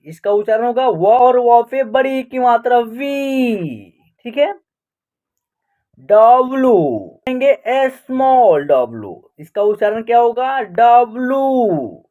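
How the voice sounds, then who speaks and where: Slow, high-voiced woman teaching the alphabet. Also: lively intonation, warm tone. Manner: slow, drawn-out, repeats each letter with quiz questions. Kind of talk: online alphabet lesson.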